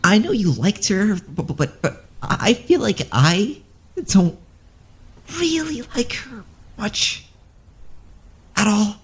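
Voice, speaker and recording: An actor as a husky, halting grieving student. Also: mid-range voice, very animated, exaggerated voice. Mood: uneasy. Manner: halting, stammering, sighing. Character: grieving student talking to departed friends. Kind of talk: fan game voice acting.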